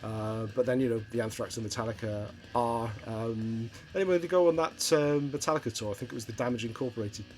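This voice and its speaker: A man's voice: medium pitch, brisk, hardly any pauses, a little mellow. A middle-aged man from Wales, chatting casually and hesitantly through a show-and-tell of his record collection. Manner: rambling, hesitant, many ums and restarts. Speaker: vinyl collector vlogger.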